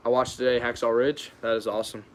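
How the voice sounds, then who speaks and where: A man's voice: mid-range voice, flat delivery, quick pace, slight background noise. A young American man hosting a casual livestream Q&A, informal and hesitant, reading questions out and answering them off the cuff. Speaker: YouTube channel host.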